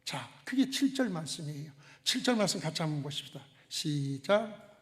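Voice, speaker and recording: High-voiced preaching pastor in a reverberant hall. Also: male voice, animated, moderate pace, fairly bright tone. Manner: preaches with rhetorical questions and acted-out quotes. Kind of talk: sermon. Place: church sanctuary.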